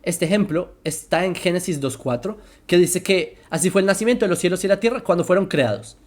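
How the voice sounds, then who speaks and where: A presenter explaining religious texts in a commentary lesson, slowing down to spell out terms and often asking whether listeners follow. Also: medium pitch, a little mellow. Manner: keeps checking listeners follow, asking "right?"; slows down to spell out terms and examples.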